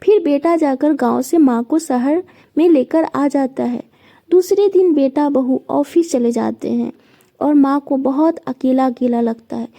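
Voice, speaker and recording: Woman telling a family story, mellow high voice. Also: a little slow. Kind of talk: storytelling narration.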